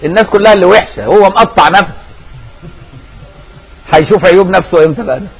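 A Sufi scholar with an Egyptian accent gives a conversational religious lesson, often using rhetorical questions to make sure his listeners follow. His voice is high and slightly rough, he talks fast, and the audio quality is poor.

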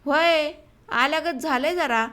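A timid village wife asks her husband small, hesitant questions, voiced by a woman reading an audiobook. The voice is high and quiet in manner, never pushing back. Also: unhurried. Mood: meek questioning. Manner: hesitant, meek.

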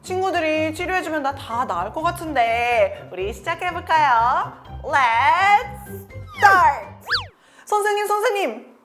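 High pitched lady doing a kids english lesson, slow and animated, soft music behind. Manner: animated and theatrical, acting out being sick; slow, carefully enunciated English phrases for repeating. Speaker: kids' English teacher. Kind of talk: playful children's English lesson.

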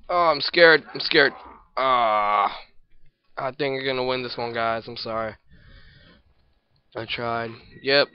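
A man's voice: mid-range voice, clean tone, highs cut off. A man casually commenting over his own gameplay, rambling and self-deprecating, with hiccups and yawns. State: hiccups and yawning. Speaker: gameplay video maker.

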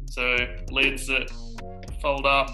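A man's voice: mid-range voice, completely flat delivery, slow pace, sharp tone, soft background music, rough recording. A man, a bike race mechanic, explaining his tools in casual stop-start talk in an indoor workshop.

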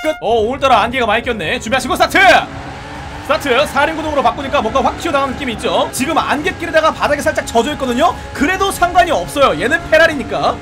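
A man giving excited, playful commentary while reviewing a car in a racing game, shouting at rival cars. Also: very high-pitched, fast. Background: background music and engine sounds.

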